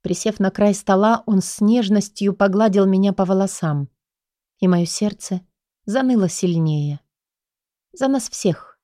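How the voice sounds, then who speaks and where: Woman, audiobook narrator, dramatic reading, mellow voice, dry close recording. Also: mid-range voice, a little slow, no echo. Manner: dramatic, emotionally charged reading. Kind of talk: first-person audiobook narration.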